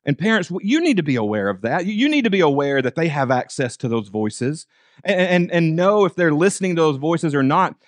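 Male preacher, sermon delivery, somewhat high pitch, emphatic repetition, rhetorical questions, direct address, dry sound. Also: big pitch swings, fairly quick, no room sound. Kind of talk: sermon to a congregation with teenagers and parents.

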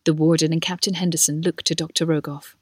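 A woman's voice: deep voice, level tone, fast talker, a little mellow, dry recording, clean studio sound. A woman narrating, reading screenplay stage directions.

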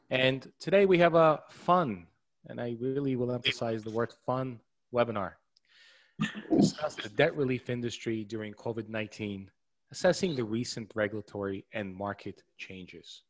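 A man's voice: on the low side, no echo. A man moderating a webinar panel, upbeat and welcoming, with some fillers as he talks. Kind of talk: scripted-sounding webinar hosting.

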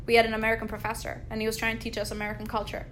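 A woman's voice: on the high side, completely flat delivery, racing, fairly bright tone, faint music behind. A woman from Albania with an Albanian accent, hosting a podcast interview in an upbeat, casual way. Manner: upbeat, frequent "like" fillers. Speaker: podcast host.

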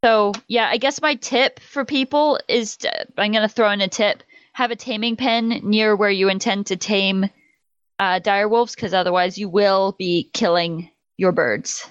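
A woman's voice: mid-range voice, fairly even intonation, a little slow, clean tone, no echo. A woman in casual podcast chat, rambling with frequent "um" and "like". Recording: slightly muffled lo-fi sound.

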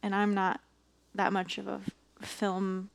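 A woman's voice: medium pitch, completely flat delivery, measured pace, vocal fry, dry recording. A young woman co-hosting a casual movie review podcast, chatty, with frequent laughs and fillers. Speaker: podcast co-host.

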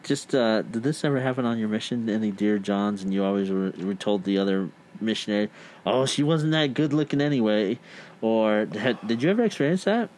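A man's voice: lowish voice, animated, fairly quick, few pauses, a little mellow. A man chatting casually, telling anecdotes and quoting friends in a playful raised voice. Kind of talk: casual chat.

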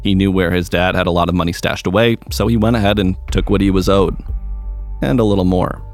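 A male reporter giving scripted narration in a measured, even way. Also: deep voice, no room sound, soft background music.

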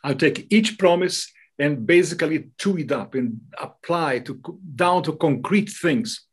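A guest speaker from Brazil, accented from his native Portuguese, walks through devotional topics in an interview. He sounds somewhat high and slightly rough, keeping a measured pace.

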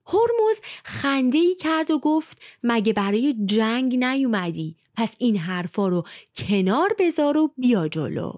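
Lively woman storyteller, dry close sound. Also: on the high side, no room sound. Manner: colloquial, expressive storytelling. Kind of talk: folk tale narration.

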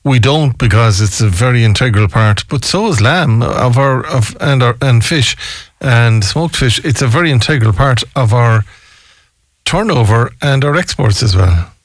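A man's voice: mid-range voice, lively intonation, normal speed, no room sound. A man presenting on the radio as host from a studio.

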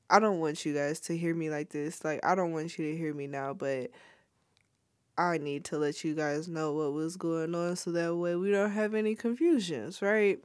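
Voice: medium pitch, clean tone, no room sound. Congested, cold-stricken podcast host with a dry recording. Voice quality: stuffy, congested nose. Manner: informal, apologetic. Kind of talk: casual solo podcast announcement.

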